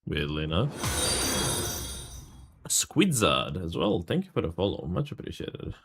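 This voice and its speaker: A man talks his way through a live game stream, greeting and thanking viewers between moves. His voice sits low yet moves a lot, rising and falling freely. The tone stays casual, loose and sprinkled with swearing. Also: huge pitch swings, unhurried, creaky, very noisy. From Serbia.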